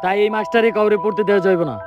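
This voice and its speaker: An earnest informant, acted by a man, explains things solemnly in a high, quick voice. Loud music plays behind this amateur horror-comedy skit. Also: steady tone, highs cut off, close to an everyday voice. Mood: warning.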